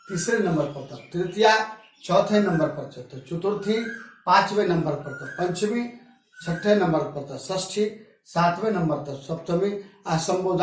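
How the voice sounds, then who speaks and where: A man teaching a school grammar lesson in a classroom, reciting word forms slowly and stretching them out. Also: sits high, slight background noise. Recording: very echoey room, mic far off.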